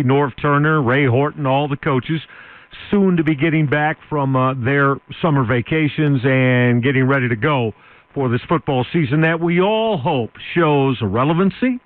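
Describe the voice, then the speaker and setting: Higher-voiced male sports radio host. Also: dry recording, phone-quality sound. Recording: band-limited radio broadcast.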